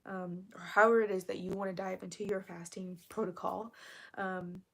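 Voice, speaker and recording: A woman with heavy vocal fry keeps her voice down as she chats casually on a livestream, reading aloud and answering viewers. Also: mid-range voice, steady tone, normal speed, slight background noise. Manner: keeping her voice kept down and quiet. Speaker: live stream host.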